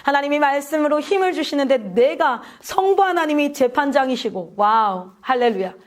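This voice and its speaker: A woman's voice: high voice, lively intonation, normal speed. A woman missionary preaching a sermon at a prayer meeting, asking the congregation questions and calling out hallelujahs.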